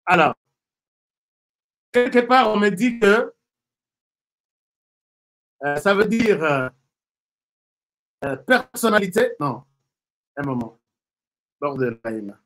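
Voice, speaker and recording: A man with a Congolese accent giving casual political commentary, pausing often with fillers and restarting his sentences. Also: high voice, big pitch swings, a bit bright. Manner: hesitant, many fillers and restarts.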